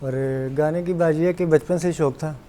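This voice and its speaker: A man who sings ghazals, talking calmly and modestly as a studio guest in a soft, low-toned voice. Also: slight background noise. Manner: calm, unhurried, modest explanations. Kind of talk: casual interview chat. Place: television studio.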